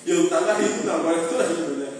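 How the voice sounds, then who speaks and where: A young man tells a humorous personal testimony from the pulpit, with animated storytelling and rhetorical questions to the congregation. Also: fairly high pitch, rapid-fire. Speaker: youth speaker. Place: church hall. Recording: echoey church hall from far off with faint noise.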